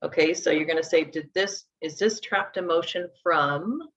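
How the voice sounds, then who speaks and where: Talking through every step aloud, a forty-something woman leads a live workshop in a conversational manner. She has a lowish voice and a moderate pace, captured with dull lo-fi audio.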